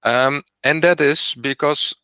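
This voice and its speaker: A man hosts a presentation over a video call. His voice is bright and crisp, and the sound is dry and close. He explains clearly and in an organized way what he is doing as he goes. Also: on the high side, slow, no room sound. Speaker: program host and startup founder. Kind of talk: online presentation.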